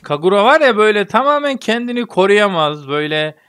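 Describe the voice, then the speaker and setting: A young Turkish gaming streamer commentates his own mobile game as if it were a football match, joking and grumbling at his teammates. His voice is high-pitched, sing-song and brisk, a bit bright and smooth.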